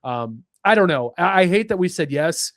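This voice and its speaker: A man's voice: sits high, normal speed, vocal fry, no room sound, studio quality. A young man co-hosting a sports podcast, ranting in casual chat with lots of fillers. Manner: animated, ranting, many fillers. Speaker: podcast co-host.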